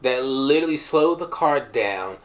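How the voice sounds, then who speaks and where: A man's voice: medium pitch, animated, normal speed. A man in his thirties, hosting a show and telling a personal testimony with humor and emotional swings. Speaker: podcast host sharing a testimony.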